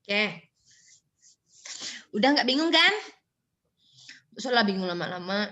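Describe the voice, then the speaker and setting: Dosen perempuan bersuara cerah, bicara pelan. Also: female voice, mid-range voice, big pitch swings, unhurried, bright, forceful tone, highs cut off. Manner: chatty, jokes with students, mixes English terms. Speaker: English phonology lecturer. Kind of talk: casual online lecture.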